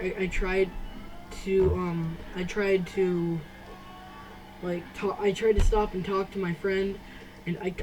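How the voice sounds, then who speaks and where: A teenage girl telling a personal story to camera, halting, with many restarts and fillers. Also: medium pitch, a little mellow, far from the mic, a little hiss or hum, low-quality recording. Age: teens. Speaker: vlogger. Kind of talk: casual storytime.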